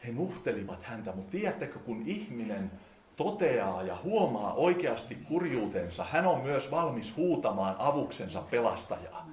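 A man preaching a sermon, talking directly to his listeners in casual speech and swinging between quiet and loud. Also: mid-range voice, sing-song, slight background noise. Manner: addresses listeners directly, colloquial. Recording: echoey hall.

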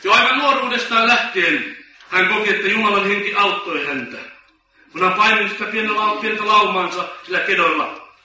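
A man preaching a sermon in a big echoing church hall, heard from some distance off the mic. His voice sits high and rings sharp and bright. He speaks slowly and with emphasis, like a storyteller. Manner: slow, emphatic preaching with dramatic story-telling. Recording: echoey hall from far off.

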